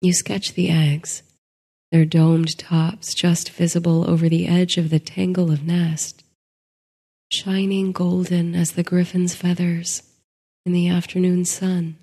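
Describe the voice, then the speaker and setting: A woman narrating a sleep story in a soft, hushed voice that slips into whispers. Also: lowish voice, level tone, slow pace, husky, long reverb tail.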